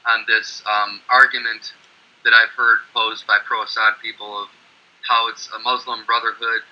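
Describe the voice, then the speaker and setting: Emphatic guy in a panel chat, raspy edge, muffled lo-fi audio. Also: fairly low pitch, flat delivery, normal speed. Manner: emphatic, dismissive of opposing claims. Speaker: discussion panelist. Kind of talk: online panel discussion.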